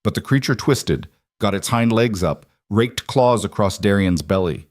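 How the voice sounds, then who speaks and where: A man reading a dramatic fantasy story as scripted narration, in a measured, dramatic way. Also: on the low side, lively intonation, darkish tone, dry recording, clean studio sound.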